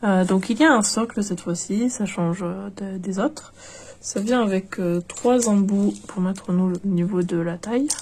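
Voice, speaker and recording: A young woman, congested and nasal from a cold, talks hesitantly while unboxing a doll, restarting sentences and leaning on fillers in this casual commentary. She has a medium-pitched, slightly mellow voice and a measured pace, with a bit of hiss or hum in the background.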